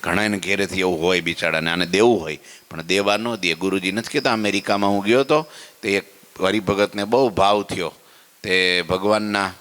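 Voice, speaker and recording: Animated male preacher in an echoing hall. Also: deep voice, moderate pace. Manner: animated storyteller, exclaims and drops to hushed asides. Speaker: preacher giving a religious discourse. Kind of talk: sermon storytelling.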